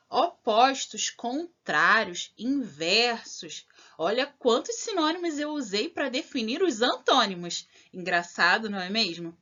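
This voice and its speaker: A woman teaches a recorded lesson for children in a fairly high, very lively voice. She slows down to stress each example clearly and keeps checking in with her listeners. The recording is dull and lo-fi. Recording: dull lo-fi audio.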